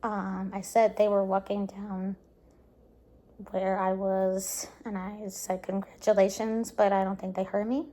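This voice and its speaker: A woman talks to her camera at home in a loose, rambling vlog, piling on "like" and "um" as she gushes. She sounds tired, and her voice sits at a plain middle pitch. Every so often she sinks into a soft near-whisper before picking up again. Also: level tone, unhurried. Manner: gushing, many "like" and "um" fillers; soft, drops into quiet near-whispers at times. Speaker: vlogger. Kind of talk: casual recap vlog to camera.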